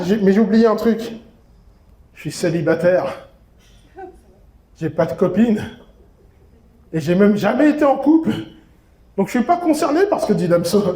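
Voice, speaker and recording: A man's voice: high voice, warm tone. A young man from Seine-et-Marne in France, doing a self-mocking stand-up set on a comedy club stage. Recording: roomy club echo.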